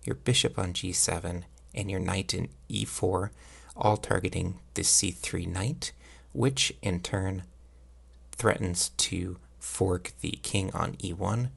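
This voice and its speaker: A man giving measured, instructional chess commentary, explaining moves and ideas as on a podcast. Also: low voice, fairly even intonation, vocal fry, fairly bright tone, husky.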